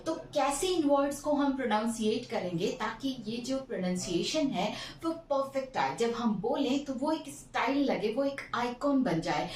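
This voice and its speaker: A woman teaching English vocabulary, mixing languages and stretching out each word slowly to drill its pronunciation. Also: fairly high pitch, a little mellow, slight background noise. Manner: slow, drawn-out pronunciation drills. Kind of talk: bilingual vocabulary lesson. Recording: echoey room, mic at a distance.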